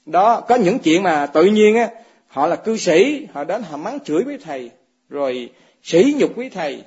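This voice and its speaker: Monk giving a dharma talk, husky voice, keeps asking the room stuff and chuckling, muffled lo-fi sound. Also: male voice, high voice, sing-song, normal speed, darkish tone. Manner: chuckles often, asks listeners direct questions. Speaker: Buddhist monk teaching fellow monks. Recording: dull lo-fi recording.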